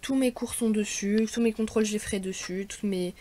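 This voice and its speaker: A woman's voice: medium pitch, fairly even intonation, brisk, noisy background. A teenage girl in a casual vlog, showing her school bag and talking in a chatty, hesitant way with many fillers. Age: teens. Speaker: vlogger.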